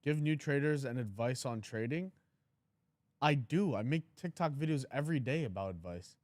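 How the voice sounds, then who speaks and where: A man's voice: medium pitch, lively intonation, normal speed, a little mellow, no echo. Blunt young man chatting on a livestream. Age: 20s. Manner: blunt, teasing, reads chat aloud. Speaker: livestream trading host. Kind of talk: casual livestream chat.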